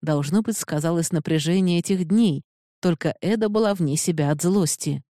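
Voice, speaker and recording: Audiobook narrator: woman, low mellow voice, measured delivery, dry close sound. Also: dry recording. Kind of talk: scripted narration.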